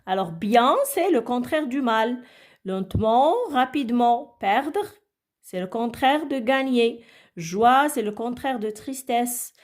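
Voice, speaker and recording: A woman's voice: on the high side, slow. A woman teaching a grammar lesson to young children, patient and repetitive, often checking whether they follow. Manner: patient, repeats words and asks "d'accord?". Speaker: primary school teacher.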